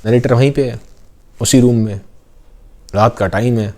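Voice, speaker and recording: A man's voice: medium pitch, steady tone, a little slow, mellow. A man, casually retelling a story and switching between Hindi and English. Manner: conversational, mixes Hindi with English phrases, acts out quoted lines.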